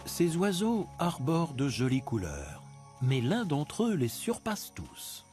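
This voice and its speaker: A man narrating a nature documentary from a script, in a measured, expository storytelling manner with dramatic emphasis. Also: on the high side, sing-song, a little mellow. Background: music bed behind the voice.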